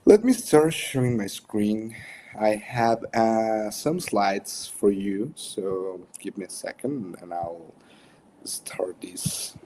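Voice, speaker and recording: Low-pitched, unhurried man with Mexican accent. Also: animated, dark tone, slight background noise. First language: Spanish. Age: young adult. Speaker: coach hosting a livestream workshop. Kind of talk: casual livestream teaching chat.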